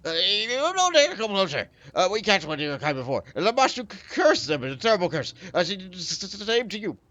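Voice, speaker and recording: A man voicing a frightened but boastful male goblin who stammers in a shrill, quivering voice. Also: very animated, fast, bright, forceful tone, dull audio, full character voice. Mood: frightened bluster.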